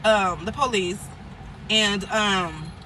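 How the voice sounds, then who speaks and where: A woman's voice: medium pitch, slow, sharp tone, a little hiss or hum. A woman vlogger telling a personal story in a casual, rambling way, acting out the people she quotes. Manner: loose, rambling retelling with restarts and laughs, acting out quotes. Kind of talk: casual storytelling while eating.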